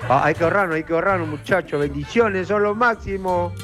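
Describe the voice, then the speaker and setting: Jokey high-voiced caller. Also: male voice, fast, over music, crowd noise. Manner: jokey slang. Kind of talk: voice message.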